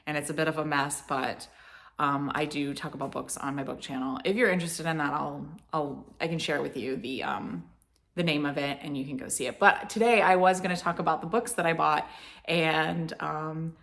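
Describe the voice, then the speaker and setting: A vlogger from Florida with a light American Southern accent rambles casually to camera, restarting often and using lots of fillers. Her voice sits low with vocal fry and a slightly bright edge, at normal speed.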